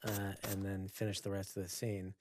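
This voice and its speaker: Measured man thinking aloud. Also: low voice, flat delivery, a little mellow. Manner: measured, thinking aloud with many "you know"s. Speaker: director. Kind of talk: DVD commentary chat.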